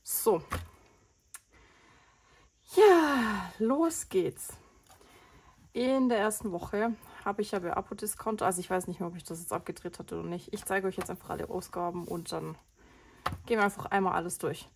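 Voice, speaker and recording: A woman with a cold chats casually through her expenses on her budgeting vlog, rambling with lots of fillers. Her medium-pitched voice is gravelly, at a normal pace, with frequent pauses and slight background noise.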